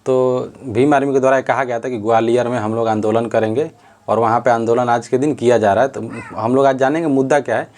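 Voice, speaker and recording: A man's voice: medium pitch, fairly even intonation, a little fast, a little mellow. A man giving earnest, unscripted commentary on a social issue, repeating himself and restarting sentences. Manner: earnest, repetitive, frequent restarts. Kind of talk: casual spoken commentary.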